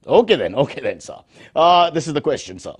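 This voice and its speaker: A man's voice: a little high, big pitch swings, brisk, slightly rough. A man with an Indian accent hosting a satire show as a parody news anchor, mock-serious and exclamatory, with exasperated asides.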